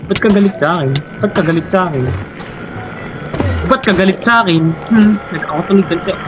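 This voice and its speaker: A gaming host, giving excited, shouted callouts while playing with friends. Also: medium pitch, brisk, over music. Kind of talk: live gameplay commentary with friends.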